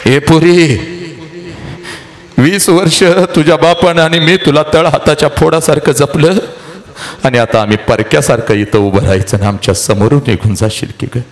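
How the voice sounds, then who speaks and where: A man's voice: on the high side, moderate pace, close to an everyday voice. A man voicing a weeping mother bidding farewell to her daughter. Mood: wailing. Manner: wailing, pleading.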